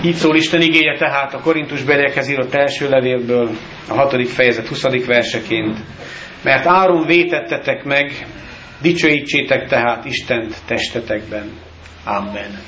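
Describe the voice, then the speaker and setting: A male pastor giving a solemn, measured baptism sermon with scripture readings in a church. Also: mid-range voice, a bit bright, reverberant, lo-fi sound, a little hiss or hum.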